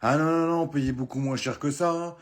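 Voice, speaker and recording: A man's voice: fairly high pitch, fairly even intonation, fairly quick, natural voice. A man playing an old retired man in a comic sketch, rambling and muttering complaints with lots of filler. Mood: grumbling. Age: older. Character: grumbling old male pensioner, nostalgic and sour.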